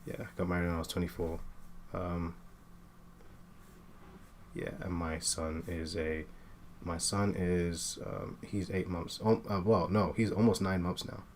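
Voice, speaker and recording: Man, late twenties, very low voice, halting casual chat while drawing, faint room hum behind. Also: flat delivery. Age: 20s. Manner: hesitant, many fillers and restarts. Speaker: art streamer.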